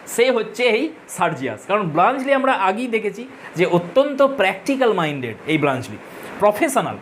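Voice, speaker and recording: A woman's voice: mid-range voice, a little hiss or hum. A woman teacher giving a recorded literature lesson. She explains each point patiently, calls her viewers friends, drops English terms into her sentences and stops to spell out how names are pronounced. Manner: spells out and corrects pronunciations.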